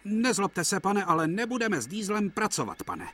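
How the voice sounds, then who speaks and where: Duck, a man doing a weary high engine. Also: sing-song, a bit bright, exaggerated voice. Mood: polite. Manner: polite, apologetic, high-pitched. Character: weary grumbling male tank engine. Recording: broadcast dub with music behind.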